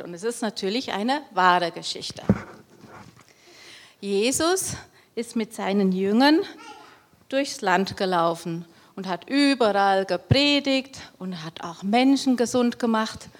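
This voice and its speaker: A woman's voice: mid-range voice, a little slow. A woman telling a Bible story to children, explaining as she goes and asking them questions. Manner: lively, explaining, asks the audience questions.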